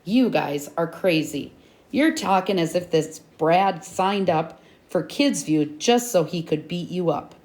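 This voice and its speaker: Storybook: woman reading as a defiant schoolgirl, low-pitched and matter-of-fact. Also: lively intonation, a little slow, a little mellow. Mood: scoffing. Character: bold fifth-grade girl, bossy and defiant.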